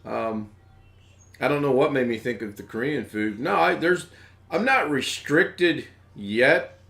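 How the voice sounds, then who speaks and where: Man from the US, livestream host, rambling casual chat, mid-pitched voice, chuckles often. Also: animated, measured pace, vocal fry, fairly bright tone. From United States. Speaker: live stream host. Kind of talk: casual live-stream chat.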